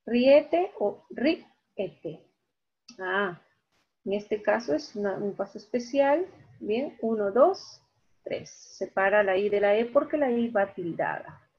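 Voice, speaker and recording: Woman teacher, slow and repetitive, husky, muffled video-call sound. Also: mid-range voice, animated. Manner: slow, repeats key words, syllable-by-syllable. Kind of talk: online class lesson. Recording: dull video-call audio.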